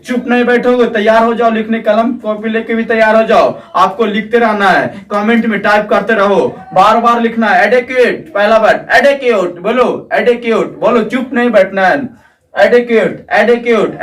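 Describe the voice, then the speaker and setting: A man teaching English vocabulary in an energetic classroom-style video lesson. He drills each word by repeating it again and again and urges viewers to say it aloud. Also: high-pitched. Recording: distant mic in an echoey room.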